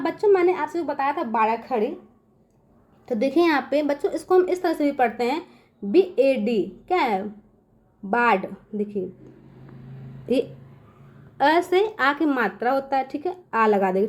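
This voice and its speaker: A woman's voice: high-pitched, animated, a little mellow. A woman teaching an English phonics lesson in a patient classroom manner, often checking whether the children follow and dragging out sounds as she spells words. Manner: slows down and stretches sounds to spell out words letter by letter. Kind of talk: classroom-style lesson explaining phonics rules.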